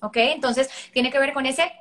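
Woman, high bright voice, lively parenting educator on a live call. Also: normal speed. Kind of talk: live-stream conversation.

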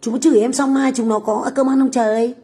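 A woman's voice: high voice, steady tone, fairly quick, warm tone. A middle-aged woman, a livestream host who chats casually with viewers in a brash, foul-mouthed, taunting way. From Vietnam. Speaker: livestream host, food stall owner. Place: home kitchen, abroad.

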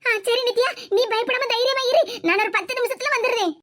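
A woman's voice: very high voice, a little fast, a bit bright. A woman voicing a worried young village housewife in a cartoon, with a Kanyakumari Tamil accent and a pleading, chatty manner. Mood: reassuring. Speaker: voice artist for a cartoon. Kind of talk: animated cartoon comedy dialogue. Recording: hissy home recording.

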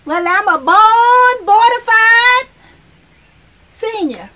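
A woman's voice: very high voice, animated, drawn-out words, sharp tone, voice pushed up, heavily acted. A woman playing a chatty, brash 82-year-old woman in a comic monologue, rambling and talking straight to viewers. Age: older. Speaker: comedic character sketch. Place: outdoors.

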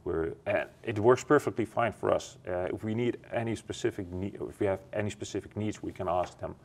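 With a gravelly, darkish, lowish voice and a brisk delivery, a middle-aged Dutch-accented executive from the Netherlands gives a factory tour. A native Dutch speaker, he answers questions with frequent fillers and restarts while moving from a warehouse into a glass-walled office. A little hiss or hum can be heard.

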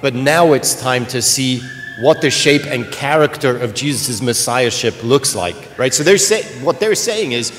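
A man's voice: medium pitch, lively intonation, a little slow, a bit bright. A man serving as clergyman, reading the gospel and preaching a homily in a large church, his voice carrying a long cathedral-like echo. He speaks earnestly, searching for words and often restarting. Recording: long church reverb, faint room noise.

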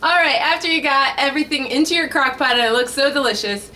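A young woman with a high, sharp voice talks fast, hosting a casual cooking vlog from her home kitchen. She speaks straight to the camera, chatty and jokey, packing in puns.

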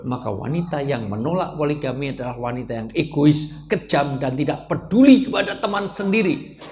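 A man preaches in a lively comic style, joking with the crowd and acting out characters. His voice sits fairly high. The recording is dull and lo-fi, with a faint hiss underneath. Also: brisk. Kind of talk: humorous religious lecture. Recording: dull lo-fi sound with faint noise.

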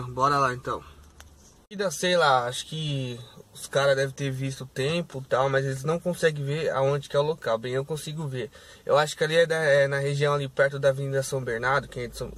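In a casual vlog shot on a phone camera mounted on his dashboard, a young adult rideshare driver checks in with viewers in an upbeat way. His voice is medium-pitched and a bit bright, and he films inside his car both day and night, with faint car and road noise in the background.

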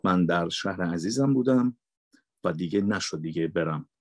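With a low-pitched, animated voice and no room sound, a Mashhad-born voice actor and dubber with a Mashhadi Persian accent takes interview questions. His answers are earnest and emphatic, with repetition for stress.

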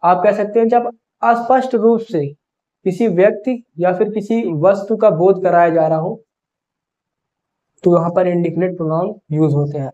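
A male teacher runs a grammar lesson for exam students, walking through it step by step and slowing down to spell out example sentences. His voice sits high and sounds mellow, and the recording is muffled.

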